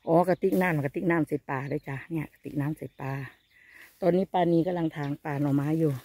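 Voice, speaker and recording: A woman's voice: low-pitched, steady tone, quick pace, warm tone. Chatty Isan-accented woman vlogger, teasing and exclamatory, outdoors on a phone. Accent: Isan Thai. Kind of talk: casual chat to viewers. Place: bamboo forest outdoors.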